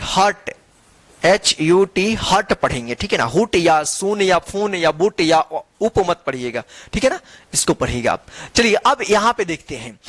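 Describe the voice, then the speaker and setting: Man, high voice, phonics teacher, patient drilling, spells letters slowly, dry close sound. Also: fairly bright tone, no echo. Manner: patient, drills words and asks the class to repeat; spells out letters slowly before reading each word. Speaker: English teacher. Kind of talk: classroom phonics lesson.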